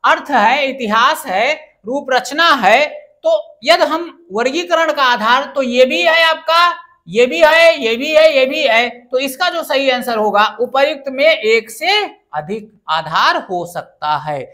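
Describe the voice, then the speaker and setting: A woman with a high, bright voice works through exam questions one after another. She asks the class each question, then answers it herself with a steady teacher's rhythm. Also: slow pace. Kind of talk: exam-prep grammar lesson.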